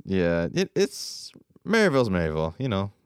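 Deep, smooth-voiced young guy. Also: wildly swooping pitch, normal speed, dry recording, clean studio sound. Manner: easygoing, slangy, trailing off mid-thought. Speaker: podcast co-host. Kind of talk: casual chat.

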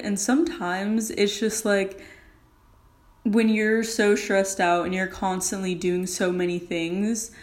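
Young woman rambling casually in a bathroom. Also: mid-range voice. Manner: rambling, informal, frequent "like". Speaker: podcast host. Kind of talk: casual solo podcast chat.

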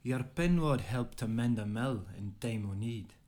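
A man's voice: medium pitch, expressive, measured pace, darkish tone, lightly acted. An Irish man putting on a Scottish accent to recite old Scottish verse in a theatrical, rolling delivery. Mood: declaiming. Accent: put-on Scottish. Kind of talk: poetry recital.

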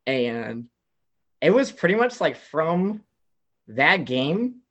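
A man's voice: a little high, takes it slowly, highs cut off. A man guest on a casual talk show, telling a long story full of "like" fillers. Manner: rambling, many "like" fillers, animated retelling. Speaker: podcast guest.

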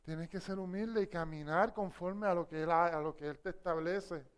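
A woman preaching a sermon with passion, swinging between hushed questions and loud, emphatic passages. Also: on the low side, moderate pace, smooth.

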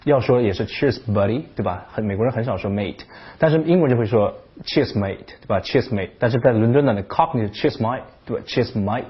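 A man hosting a casual video lesson on English, talking in an animated way and breaking off to imitate accents. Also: medium pitch, quick pace, husky, muffled recording. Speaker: English teacher, channel host.

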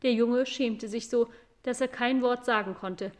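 A woman reads a classic children's story aloud as audiobook narration. Her pace is calm and measured, and her voice sits a little high for a woman.

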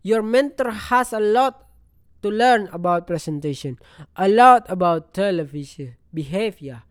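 Reader going through a novel out loud, slow, stumbles and restarts, clear voice. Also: medium pitch, animated, no echo, clean studio sound. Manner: slow, halting reading with restarts. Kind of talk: reading a novel aloud.

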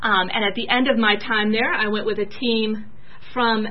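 A soft-spoken young woman from Georgia, giving a church talk about her mission teaching and pausing often with fillers. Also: medium pitch, steady tone, dull audio.

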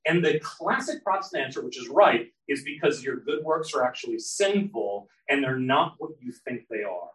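A middle-aged man preaching a sermon, animated and acting out the voices he quotes. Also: mid-range voice, moderate pace, hardly any pauses, recorded from a distance. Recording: echoey hall, speaker off mic.

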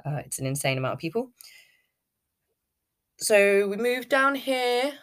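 A woman's voice: fairly high pitch, big pitch swings, a little slow, fairly bright tone. British female podcast host, thirties. Unscripted personal storytelling, conversational and meandering, often interrupting herself. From United Kingdom. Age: 30s. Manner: rambling, chatty, self-interrupting.

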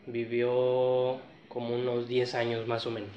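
A man with a northern Mexican accent telling a story in casual chat, relaxed and slangy, with many fillers. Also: medium pitch, measured pace, a little hiss or hum. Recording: echoey room, slightly dull sound.

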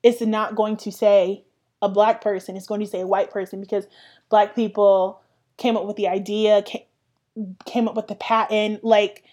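A woman's voice: mid-range voice, flat delivery, normal speed, a little mellow. A young woman hosting her own podcast, talking through casual solo commentary with emphatic, sassy asides. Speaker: podcast host.

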